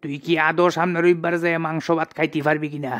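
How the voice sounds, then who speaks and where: A man voicing a shrewd old village man who talks slowly and gives advice. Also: a little high, flat delivery, fairly bright tone, natural voice. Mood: warning. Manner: slow drawling advice.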